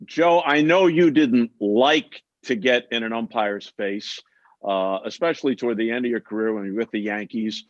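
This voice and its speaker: A man's voice: medium pitch, no echo. A man moderating a panel discussion, chatty and laughing along, setting up questions with short stories of his own. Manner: chatty, laughs along, tells quick stories before asking. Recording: dull dry close mic.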